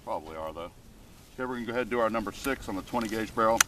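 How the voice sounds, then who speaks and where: A man's voice: lowish voice, very fast, noisy background. A middle-aged man demonstrating a firearm at an outdoor range, explaining in a plain, matter-of-fact way with frequent ums, recorded on a camera mic. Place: outdoor shooting range in open field. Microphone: camera mic on tripod.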